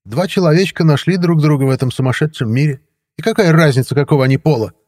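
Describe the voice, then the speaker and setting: A man's voice: fairly high pitch, fast, darkish tone, no room sound, studio quality, pitched above the performer's own voice, lightly acted. A man voicing a mincing, affected male neighbor who lectures the others.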